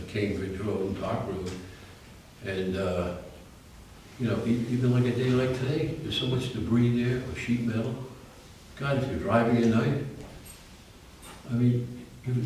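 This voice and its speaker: A man's voice: on the low side, darkish tone. Give me a rambling older man with a New England accent. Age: 70s. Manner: rambling, conversational, folksy. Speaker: resident giving public comment. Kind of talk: public comment at a hearing. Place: township meeting room. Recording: echoey hall from far off with faint noise.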